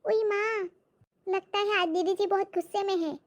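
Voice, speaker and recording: A woman's voice: extremely high pitch, fairly even intonation, normal speed, background noise. A woman playing a naive, lazy young sister-in-law with a chirpy, showy way of talking. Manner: chirpy and naive, with English words thrown in.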